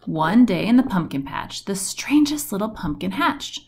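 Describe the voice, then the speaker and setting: A woman with a gravelly, husky, medium-pitched voice reads a rhyming children's picture book aloud. Her storytelling is expressive and deliberate, leaning on the rhymes and action words.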